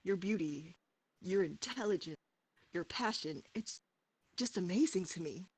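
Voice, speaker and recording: A woman's voice: fairly low pitch, animated, measured pace, a little mellow, breathy edge, rough recording. A woman reading fan fiction aloud with mock drama on a group stream. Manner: dramatic read-aloud, breaking into laughter.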